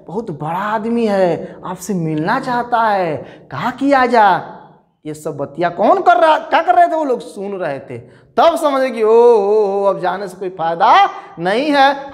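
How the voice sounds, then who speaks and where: A man teaching an English story line by line, acting out its dialogue with rising questions and exclamations. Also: high voice. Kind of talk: bilingual literature lesson, explaining a story line by line.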